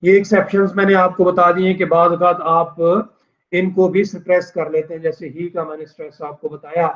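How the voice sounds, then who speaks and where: A man teaching a recorded online lecture, explaining steadily, mixing in English terms, with drawn-out "uh" fillers. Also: sits high, level tone. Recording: dull lo-fi recording.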